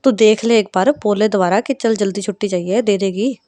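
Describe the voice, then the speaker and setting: A woman's voice: mid-range voice, steady tone, dark tone, no echo, close to an everyday voice. Woman voicing a pushy mother. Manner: insistent, scolding, rapid. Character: nagging middle-aged Punjabi mother.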